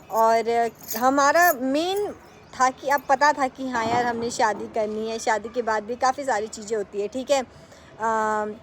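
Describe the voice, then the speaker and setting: Casual young woman vlogger, bit high-pitched, rambly and friendly to viewers, outdoors with some faint noise. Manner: chatty, addresses viewers as friends, rambling with self-corrections. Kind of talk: casual vlog chat to camera. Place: rooftop, outdoors.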